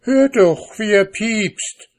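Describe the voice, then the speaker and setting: A man's voice: sits high, slow, pitched above the performer's own voice. Mocking housewife, a man doing her voice. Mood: scolding. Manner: scolding, dismissive. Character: sharp, mocking housewife, stubborn.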